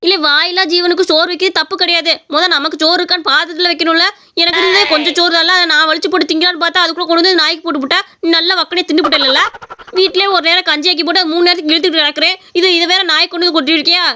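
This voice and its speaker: A woman voicing a sharp-tongued old village mother-in-law who scolds her family in a shrill voice. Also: steady tone, rapid-fire. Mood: grumbling. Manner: shrill scolding, exclaims often.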